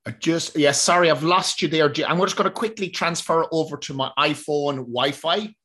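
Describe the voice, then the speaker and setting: A man's voice: fairly high pitch, moderate pace, pushed and bright. A man, hosting a podcast, chatty and joking with casual swearing. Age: 30s. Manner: chatty, swears, jokes about himself. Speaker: podcast host. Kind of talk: casual interview chat.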